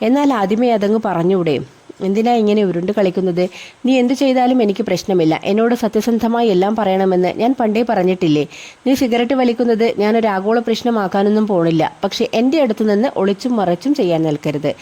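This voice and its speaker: A woman's voice: mid-range voice, fast, mellow, close to an everyday voice. A woman voicing a firm, lecturing elder brother, a young businessman, in a storybook reading.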